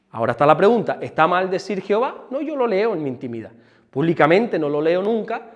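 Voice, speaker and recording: A man preaching a sermon as pastor, teaching with lively emphasis and stopping for quick asides to the people around him. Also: sits high, in a large hall. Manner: animated, with asides to helpers about the screen. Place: church hall.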